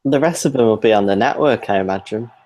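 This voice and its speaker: Man, a touch low, laughs a lot, ribs his co-host, loose live-stream chat. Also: quick pace, darkish tone, dull audio. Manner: laughs often, teasing. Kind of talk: casual chat.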